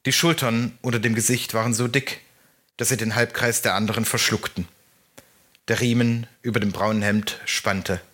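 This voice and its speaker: Male audiobook narrator, first-person storytelling, measured delivery, bright timbre. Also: fairly low pitch, steady tone.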